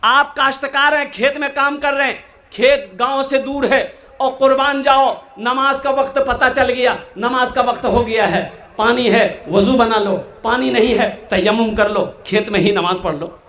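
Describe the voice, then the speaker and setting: A male preacher giving an animated sermon to a live gathering, often calling on the crowd to answer him. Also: very high-pitched, moderate pace, roomy sound. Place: religious gathering.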